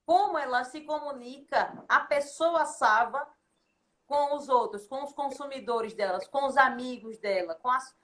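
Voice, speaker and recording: A woman's voice: high voice, measured pace, fairly bright tone. A woman, a consultant guest explaining her points in a didactic, list-like way on a podcast. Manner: didactic, lists points in repeated phrases.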